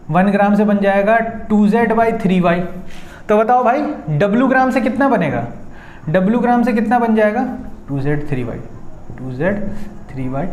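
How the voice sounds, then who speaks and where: A man on his teaches a chemistry lesson step by step, often asking his students questions and slowing down to dictate as he writes. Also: sits high, darkish tone, roomy sound, a little hiss or hum. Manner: dictates slowly while writing. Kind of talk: whiteboard lesson.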